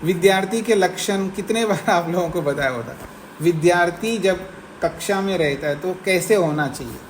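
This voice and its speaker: A man teaching a class, explaining a classical text patiently, asking his students questions and slowing down to read the Sanskrit lines aloud. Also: high-pitched, a little hiss or hum, poor audio. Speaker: teacher of philosophy. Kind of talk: classroom lecture on scripture. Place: ashram classroom.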